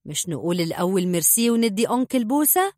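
A woman's voice: medium pitch, big pitch swings, fast talker, warm tone, no echo, clean studio sound, lightly acted. A woman voicing a sarcastic, well-dressed man in an audiobook. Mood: teasing. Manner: mocking, teasing. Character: sarcastic, smooth-talking, dapper man.

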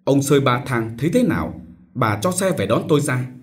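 A man's voice: mid-range voice, big pitch swings, a little fast, close to an everyday voice. A man voicing an old traditional herb doctor, self-assured and scornful, who lectures as he speaks.

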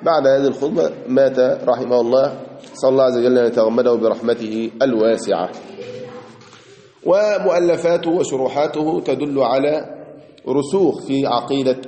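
A man's voice: mid-range voice, normal speed, mellow. A man with an Egyptian accent giving a mosque lesson on a creed text, reading passages aloud and explaining them, drawing out key words as he goes. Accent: Egyptian Arabic. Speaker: Islamic teacher. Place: mosque hall. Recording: echoey hall with long reverb.

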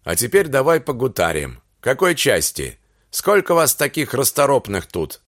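A man's voice: mid-range voice, sing-song, measured pace, fairly bright tone, dry recording, clean studio sound. Grigory, a man reading a cool tough Cossack officer. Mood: stern. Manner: curt, cool, menacing.

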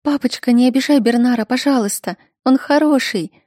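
A woman reading a story aloud, voicing a sweet young princess who pleads in a high voice. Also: a little fast, mellow, no room sound, studio quality. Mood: pleading.

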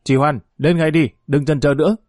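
A man doing a brisk young guerrilla commander. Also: a little high, steady tone, a little mellow, no echo, clean studio sound, lightly acted. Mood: commanding. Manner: curt commands.

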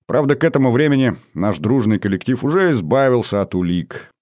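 A man narrating an audiobook in a measured storytelling manner, livening up the dialogue. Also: medium pitch, sing-song, darkish tone, no echo, studio quality. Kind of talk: scripted narration.

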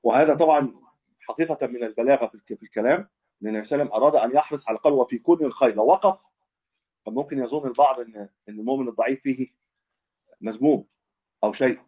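A man's voice: medium pitch, rapid-fire, mellow, slightly rough. A man teaching a religious lesson as a scholar, explaining hadith and often restating and correcting himself. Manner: explanatory, repeats and restates points, self-corrects. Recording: dull lo-fi recording.

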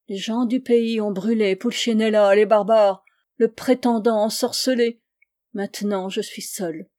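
A woman narrating a literary story as an audiobook, with expressive, dramatic delivery. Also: mid-range voice. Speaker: audiobook reader.

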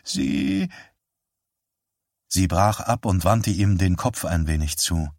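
A man narrating an audiobook in a slow, unhurried delivery with a fairly low voice. His reading is measured and solemn. The sound is dry and close. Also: darkish tone, dry recording.

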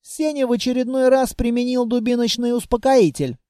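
A reader giving expressive first-person audiobook narration. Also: medium pitch, a little fast, no room sound, studio quality.

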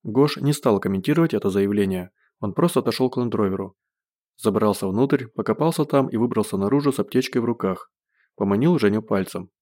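Low-voiced male audiobook narrator. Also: a little mellow.

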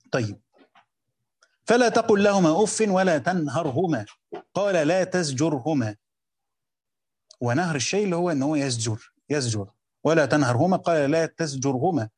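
A man with an Egyptian accent teaching a lesson on a classical text, reading passages slowly and then explaining them in quick colloquial asides while quizzing his students. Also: fairly high pitch, darkish tone, breathy edge. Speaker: teacher of Quran commentary.

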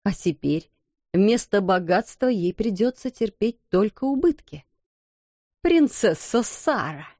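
A woman narrating a storybook in an even, measured way, recorded dull and dry. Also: medium pitch, dry recording. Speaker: audiobook narrator.

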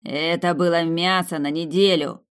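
A woman voicing a rude, domineering male tavern owner who talks in a gruff, barking way. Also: fairly low pitch, fairly even intonation, normal speed, natural voice. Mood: scornful.

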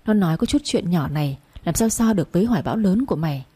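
Woman reader doing an old peasant mother, quick scolding delivery, husky, warm. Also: lowish voice, expressive.

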